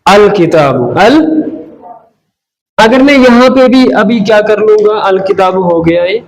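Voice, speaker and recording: High-voiced, slow-paced man teaching a class. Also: animated. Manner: asks the class questions and answers them himself; mixes English phrases into explanation. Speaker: Arabic teacher. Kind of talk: classroom lesson at a whiteboard. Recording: echoey classroom with faint background noise.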